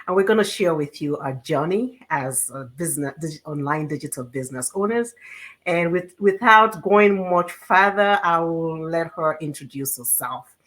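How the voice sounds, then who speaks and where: A woman with a fairly low voice hosts a casual interview. She talks in an encouraging, conversational way and often checks in with her guest. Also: fairly bright tone. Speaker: host.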